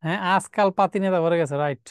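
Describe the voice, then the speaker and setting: A man teaching a live grammar lesson, his voice high and smooth. He works through exam questions step by step, repeating key words and asking rhetorical questions. The sound is dry and close to the mic. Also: quick pace, no room sound. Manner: reads out student names and comments.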